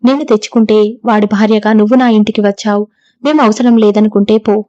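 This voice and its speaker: A woman reading a sharp-tongued mother-in-law. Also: mid-range voice, steady tone, brisk, no echo, highs cut off, close to an everyday voice. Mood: indignant. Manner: scolding, indignant. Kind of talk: audiobook character reading.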